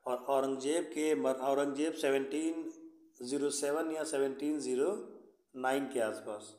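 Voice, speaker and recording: Male history tutor, mid-pitched, patient explaining voice, recorded in an echoey room. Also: steady tone, unhurried, a little mellow. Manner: repeats "theek hai", mixes English words. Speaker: history teacher. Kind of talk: explanatory lesson.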